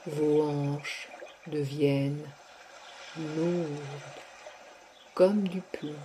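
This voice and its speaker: A woman leading a guided sophrology relaxation, speaking softly and drawing out her words with long pauses. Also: low voice, fairly even intonation, a little hiss or hum. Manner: slow, soft, drawn-out delivery with long pauses.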